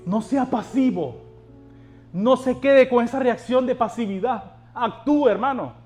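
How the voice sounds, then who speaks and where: A man's voice: extremely high pitch, measured pace, darkish tone, faint music behind. A male pastor preaching a sermon, urging the congregation on and asking them rhetorical questions.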